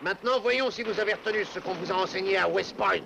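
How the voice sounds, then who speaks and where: An actor playing an authoritative army general in a French-dubbed western, giving commanding drill-sergeant style orders in a gravelly voice. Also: male voice, high voice, fast, noisy background. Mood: urgent, commanding.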